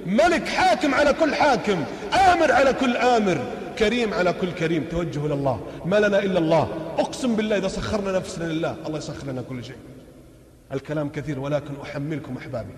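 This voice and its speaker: Fervent preacher in an echoey hall. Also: male voice, on the high side. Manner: fervent, swings from loud exhortation to hushed warning, chants verses. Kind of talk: impassioned sermon. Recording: echoey hall, long reverb.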